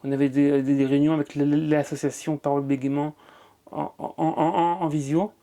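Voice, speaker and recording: Man with a heavy stutter, dark voice. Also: on the high side, little pitch movement, brisk. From Marseille, France. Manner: strong stutter with frequent repetitions. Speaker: comedian. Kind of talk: interview conversation.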